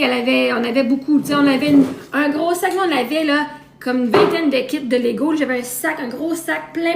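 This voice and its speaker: A woman with a Québécois accent chats on a live stream in a high, gravelly voice, wandering from item to item and repeating herself as she goes. The sound is roomy and echoey, with a faint hiss under it. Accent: Québécois French. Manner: rambling, repeats herself while listing things. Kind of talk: casual live-stream chat. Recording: roomy echo, faint noise.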